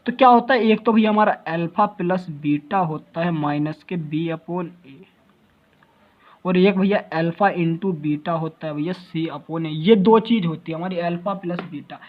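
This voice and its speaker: A man's voice: a little high, unhurried, narrow, tinny audio. A male math teacher giving a lecture, constantly asking his students rhetorical questions and calling them brother.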